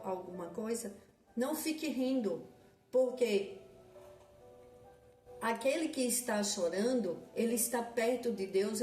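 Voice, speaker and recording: A woman preaching a devotional sermon in a slow, earnest, repetitive way, often restarting her phrases. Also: a little high, darkish tone. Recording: echoey room with faint music behind.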